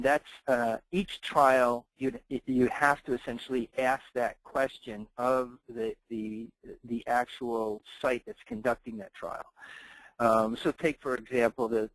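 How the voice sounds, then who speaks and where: A man's voice: mid-range voice, dry recording, poor audio. Dry-voiced man answering webinar questions. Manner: hesitant, many fillers and restarts. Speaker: clinical trial expert answering questions.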